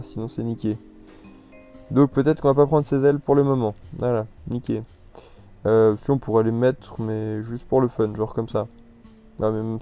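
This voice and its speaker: A man giving casual, rambling commentary on a video game, full of hesitations and restarts. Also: mid-range voice. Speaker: gameplay commentator. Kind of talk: casual let's-play commentary. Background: soft background music.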